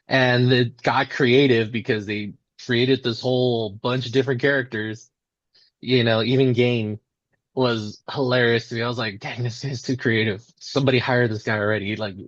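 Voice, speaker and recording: A man with a mid-pitched voice talks casually as an interview guest. He rambles enthusiastically and slips into quoted asides. The sound is dry and a little dull. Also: no echo. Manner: rambling storytelling, acting out imagined quotes. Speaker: independent pro wrestler being interviewed.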